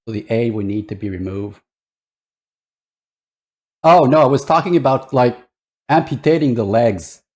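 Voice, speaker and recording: A man's voice: medium pitch, lively intonation, moderate pace, long pauses, a little mellow. A man chatting casually as a reacting streamer, rambling and hesitant as he thinks aloud. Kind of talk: casual livestream reaction chat.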